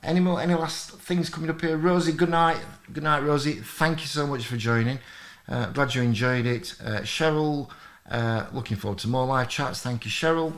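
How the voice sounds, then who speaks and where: A man's voice: medium pitch, steady tone, normal speed, fairly bright tone. Guy rambling through a live stream, reading out chat, lots of ums. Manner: rambling, friendly, many fillers, reads out chat comments. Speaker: history channel host.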